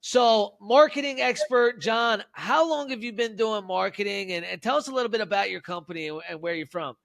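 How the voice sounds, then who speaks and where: A man with a high, bright voice and some vocal fry hosts a business podcast, talking a little fast in a close, dry recording. Agreeable in manner, he affirms his guest's points before steering on with leading questions.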